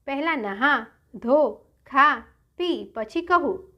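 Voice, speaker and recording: A motherly serpent queen spirit from a spoken folk tale, as a woman storyteller puts her on. She speaks in a soothing way that also gives commands. Her voice is high-pitched. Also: expressive, takes it slowly, sharp tone, heavily acted.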